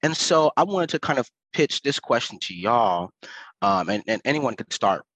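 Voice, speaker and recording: An American man hosts a casual podcast at a middle pitch. The sound is dry, with very little room on it. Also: very animated, normal speed, fairly bright tone, dry recording, low-quality recording. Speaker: podcast host.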